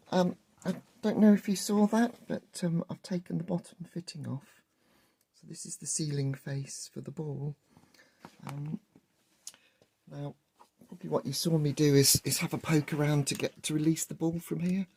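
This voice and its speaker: The host of a hobby workshop channel casually narrates his workshop work in a wheezy, husky, medium-pitched voice that's somewhat mellow. His throat sounds sore and hoarse, giving a gravelly creak, and his delivery is halting as he thinks aloud.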